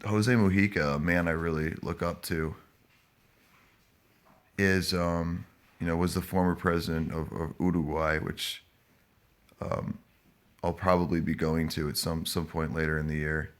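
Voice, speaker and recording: A man chatting casually to live viewers in a stoned, hazy, halting, rambling manner. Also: low-pitched, level tone. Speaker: live-streaming vlogger.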